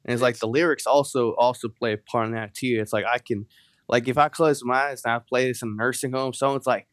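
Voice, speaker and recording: A man's voice: medium pitch, steady tone, fast, no echo, studio quality. A man co-hosting a podcast in casual banter, telling jokes and acting out short quoted bits. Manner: joking storyteller, acts out bits with quoted voices. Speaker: podcast co-host.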